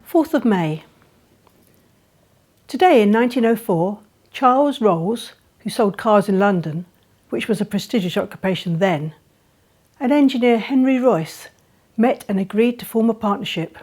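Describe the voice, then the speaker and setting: A woman presenter reads a short scripted history item. Her delivery is measured and deliberate, with a mid-range voice. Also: mid-range voice, darkish tone. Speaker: segment presenter. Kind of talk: scripted narration.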